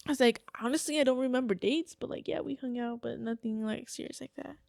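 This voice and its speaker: Woman, 20s, raised pitch, vocal fry, animated storytelling, lots of "like". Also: fast, dry recording, studio quality. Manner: animated, acts out quotes, heavy use of "like". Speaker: guest. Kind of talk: casual podcast storytelling.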